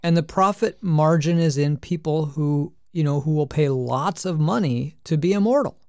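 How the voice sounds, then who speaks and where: A man's voice: on the high side, moderate pace, a little mellow, no echo, clean studio sound. A man co-hosting a podcast, chatting casually, rambling with frequent restarts and hesitations. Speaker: podcast co-host. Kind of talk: casual chat.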